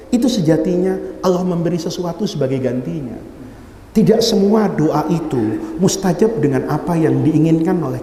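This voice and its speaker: A man's voice: very high voice, darkish tone, a little hiss or hum. A man preaching a humorous sermon in a mosque, teasing the congregation by name as he teaches a classical text. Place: mosque hall. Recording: echoey mosque hall with long reverb.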